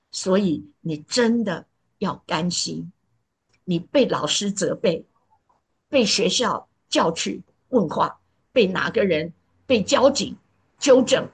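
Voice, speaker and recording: A woman preaching a sermon in an earnest, emphatic way, sometimes sinking to a soft pleading tone. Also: fairly low pitch, slightly rough.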